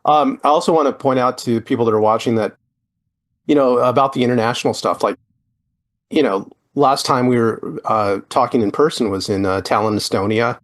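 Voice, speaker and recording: Man, podcast host, casual interview, rambling, friendly, mid pitch. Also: brisk. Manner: rambling, many fillers and restarts, friendly.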